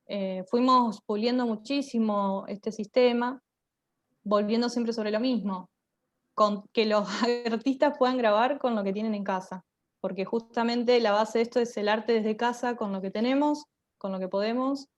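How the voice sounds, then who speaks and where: Speaking at a normal pace in a slightly high voice, a woman from a theatre group gives relaxed panel answers about creative work. Her manner is thoughtful, and she frequently rewords things mid-explanation.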